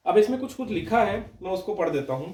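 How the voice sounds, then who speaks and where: Young man, coaching teacher, grammar lecture, repetitive explanatory style, slightly high voice, roomy echo. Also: big pitch swings, fast talker, warm tone, far from the mic. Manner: explanatory, repeats words, frequent "ठीक है?" check-ins.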